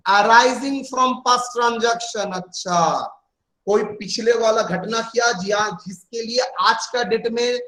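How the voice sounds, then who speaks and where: High-voiced man teaching in an echoey room. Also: fairly bright tone. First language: Bengali. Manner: repeats definitions slowly, calls students "beta". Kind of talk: classroom accounting lesson.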